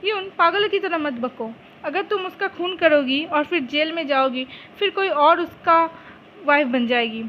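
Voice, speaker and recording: A woman reading a fan story and voicing a sensible young friend who pleads and reasons, in a high voice. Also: unhurried, lo-fi sound, a little hiss or hum. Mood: earnest.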